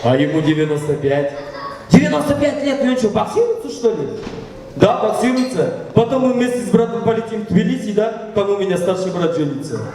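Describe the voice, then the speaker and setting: A man's voice: high voice, animated, brisk, warm tone, slight background noise. A man hosting a party as toastmaster, telling jokes and quizzing guests in a playful, teasing way. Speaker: wedding toastmaster. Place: banquet hall. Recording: echoey banquet hall from far off, crowd.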